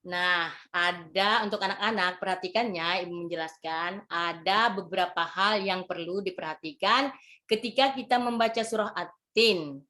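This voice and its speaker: A woman's voice: fairly low pitch, moderate pace, bright, forceful tone. Woman teacher instructing a class. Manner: motherly instructing, repeats words and phrases. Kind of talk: classroom lesson on Quran reading.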